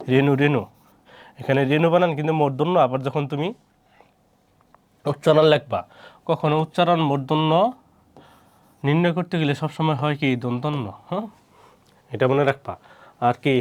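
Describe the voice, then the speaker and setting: Here a man teaches for an exam, asking questions he then answers himself and doubling up each word. His voice is medium in pitch and a little mellow.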